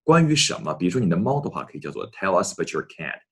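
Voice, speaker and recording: A man teaching an English lesson, often addressing his students and slowly repeating English phrases for them to copy. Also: low-pitched, big pitch swings, a bit bright, breathy edge.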